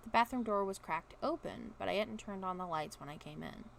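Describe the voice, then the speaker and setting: A woman's voice: mid-range voice, fairly quick, gravelly, a little hiss or hum. A woman vlogger reads a first-person story aloud with expression and breaks off now and then for casual asides. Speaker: vlogger reading a book aloud.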